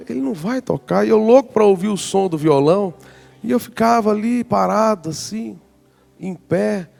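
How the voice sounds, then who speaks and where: Pastor in his forties, male, gravelly and a touch high, tells a story lively in a sermon. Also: normal speed. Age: 40s. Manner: lively storyteller acting out his own past reactions. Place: church conference hall.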